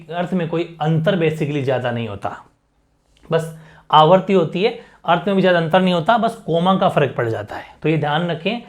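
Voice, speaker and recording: A man a high voice teaching an exam-prep lesson. He repeats his points and keeps checking in his students, mixing into his speech. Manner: explains with repetition and quick check-ins.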